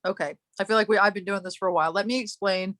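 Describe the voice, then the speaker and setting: A woman's voice: mid-range voice, fairly even intonation, very fast, fairly bright tone, no echo. Woman, podcast host, casual storytelling, rambling, laughs a lot, dry close sound. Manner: rambling, self-interrupting, laughs often.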